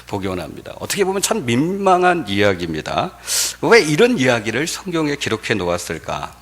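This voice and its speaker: A man's voice: mid-range voice, huge pitch swings, fairly quick. A man pastor preaching a sermon, telling stories with emphatic rises and frequent filler sounds.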